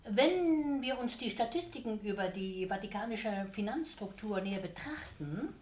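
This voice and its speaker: A woman's voice: expressive, moderate pace, a little mellow, echoey room, close to an everyday voice. A woman voicing a scheming, fawning male Devil who talks like a wheedling salesman, in a read-aloud story. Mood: eager pitch. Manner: wheedling, theatrical, swings between whining and eager pitching.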